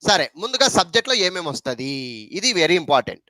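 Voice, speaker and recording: A man's voice: sits high, sing-song, fairly quick, bright, forceful tone, no room sound. A man with a Telugu accent teaching an English grammar lesson, repeating points and asking rhetorical questions.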